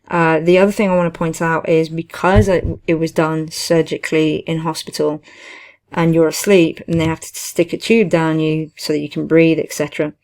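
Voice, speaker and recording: A woman chatting casually and giving personal advice, in a hesitant, halting way with frequent self-corrections. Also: deep voice, a little mellow. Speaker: vlogger, teaching assistant.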